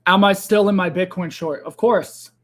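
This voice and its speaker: Male streamer, high-pitched, relaxed and chatty, talking through his trades for viewers. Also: moderate pace. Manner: chatty, loose, addresses viewers as guys and fam. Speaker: crypto livestream host. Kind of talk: casual live trading stream chat.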